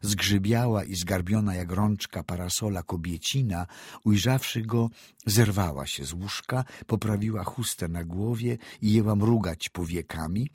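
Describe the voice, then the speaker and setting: A man narrating classic prose as an audiobook reader, measured and descriptive. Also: sits low, breathy edge, no echo, studio quality.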